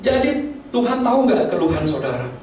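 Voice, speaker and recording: A man's voice: high-pitched, big pitch swings, fairly quick, darkish tone, recorded from a distance, slight background noise. Preaching man in an echoey church hall. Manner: preaching with many rhetorical questions to the congregation; stammers and restarts words. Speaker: pastor. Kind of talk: sermon.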